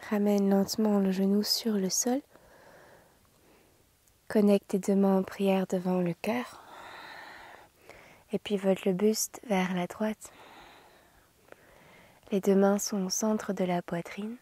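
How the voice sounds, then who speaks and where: A woman yoga teacher guiding a class in a soothing, gentle, slow manner, with a soft, breathy voice that often nears a whisper. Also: mid-range voice, flat delivery, dry recording. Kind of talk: guided yoga instruction.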